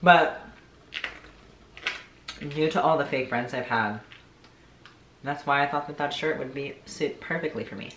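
A man's voice: fairly high pitch, measured pace, long pauses, fairly bright tone. A young man vlogging in casual mukbang chat, rambling with lots of "like", talking with his mouth full of food. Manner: rambling, heavy use of "like". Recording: echoey room with faint noise.

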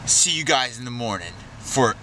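A man's voice: mid-range voice, animated, moderate pace, background noise. A young man talking casually to a handheld camera in a car, upbeat and full of surfer slang. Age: young adult. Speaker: vlogger. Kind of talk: casual travel vlog. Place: inside a car and a house kitchen. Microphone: handheld action camera at arm's length.

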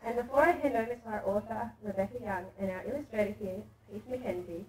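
A woman's voice: mid-range voice, quick pace, crowd noise, low-quality recording. A woman giving a host's welcome speech at an outdoor event for children. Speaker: event host, zoo education coordinator. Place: outdoor zoo amphitheatre. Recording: faint outdoor background noise.

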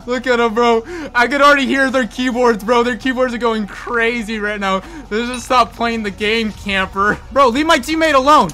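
Brief: young male gamer, bright forceful tone, cocky trash-talk, faint music underneath. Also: extremely high pitch, normal speed. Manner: excitable trash-talk, frequent laughing, says bro constantly. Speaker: gaming video creator. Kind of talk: live gameplay commentary.

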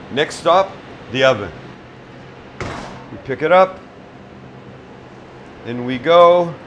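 A middle-aged chef with a fairly high-pitched voice hosts a casual cooking demo in a small restaurant kitchen. He jokes bluntly and swears freely, and the audio carries a slight hiss or hum.

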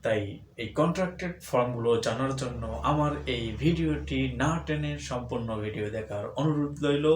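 A man with a Bangladeshi accent who teaches English, drilling example phrases by saying them over and over, loud and drawn out. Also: mid-range voice, a little fast, slight background noise. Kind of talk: spoken English lesson. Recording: echoey room.

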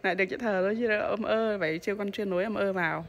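A woman's voice: medium pitch, very fast, slight background noise. A mother coaching her child at home, patiently repeating and stressing sounds for pronunciation practice.

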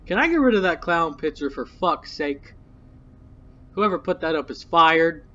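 A man's voice: a little high, expressive, moderate pace, pushed and bright. A scared, nervous man with a cracking voice, commenting casually and with plenty of swearing as he streams a horror game. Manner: foul-mouthed. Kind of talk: live gameplay commentary, casual. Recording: dull lo-fi mic, faint game noise.

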